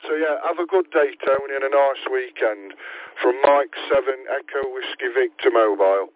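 Relaxed male ham radio operator calling mobile, tinny radio line. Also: medium pitch, moderate pace, dry recording. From English Midlands. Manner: relaxed, chatty, often restarting phrases. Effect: heard over a ham radio link. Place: parked van.

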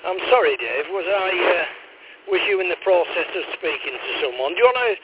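A friendly man in his sixties from Wigan, chatting over amateur radio with a fairly high voice for a man. He talks easily and hands back the turn politely. The sound is thin and phone-like, with clear static under it. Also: lively intonation, a little fast. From Wigan, England. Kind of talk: casual radio chat. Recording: tinny radio link with static.

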